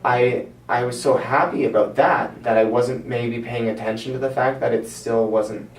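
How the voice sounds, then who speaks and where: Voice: mid-range voice, fairly even intonation, normal speed. A person speaking informally as a counselling client, hesitant and searching for words. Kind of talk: hesitant conversation. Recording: roomy, distant mic, faint noise.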